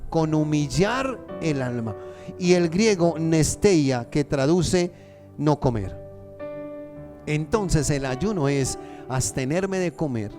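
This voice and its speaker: Impassioned preacher man, dark warm voice. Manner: impassioned preaching, slows down for emphasis, rises in pitch when pleading. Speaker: pastor. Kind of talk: sermon.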